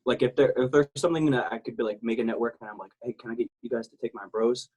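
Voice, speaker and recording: Husky south texas guy rambling candidly on a podcast, curses a lot. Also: mid-range voice, rapid-fire, a little mellow, rough recording. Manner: rambling, candid, swears freely. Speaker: guest, military veteran. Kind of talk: casual podcast conversation.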